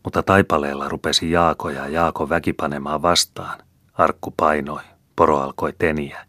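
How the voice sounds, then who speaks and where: A man reading folk tales aloud as an audiobook narrator, in a measured storytelling manner. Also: extremely low pitch, steady tone, a bit bright, dry recording. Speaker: audiobook reader.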